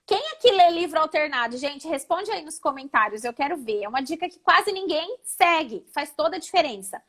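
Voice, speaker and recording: High-voiced woman teaching public speaking. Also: lively intonation, brisk, fairly bright tone. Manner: didactic, demonstrates intonations. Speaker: oratory instructor, guest speaker. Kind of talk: live online talk, teaching.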